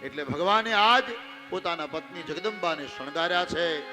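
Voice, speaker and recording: A man's voice: fairly high pitch, lively intonation, moderate pace, music in the background. A man with a Gujarati accent preaching a devotional sermon, telling the story expressively and speaking straight to his audience. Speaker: Ram Katha preacher. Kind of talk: devotional sermon with sung verses.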